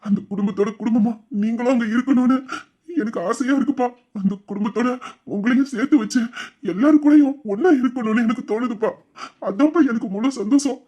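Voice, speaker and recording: A man's voice: very high voice, fast talker, dark tone, muffled recording. A man playing an earnest, emotional young son. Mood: tearful, earnest. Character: devoted young adult son, emotional and tender. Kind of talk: audio drama acting.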